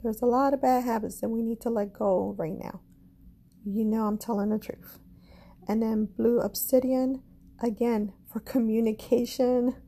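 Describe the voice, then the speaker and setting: A woman with a Caribbean accent hosting a spiritual podcast, talking slowly and gently with self-deprecating asides. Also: on the high side, fairly even intonation, breathy edge. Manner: slow, gentle and self-deprecating, with soft laughs. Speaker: podcast host, astrology and crystal reader. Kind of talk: casual spiritual podcast monologue.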